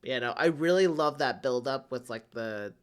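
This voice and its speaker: A man's voice: mid-range voice, expressive, normal speed, clear, resonant tone. A young man giving a casual music reaction, enthusiastic and rambling with lots of fillers. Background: faint music playing.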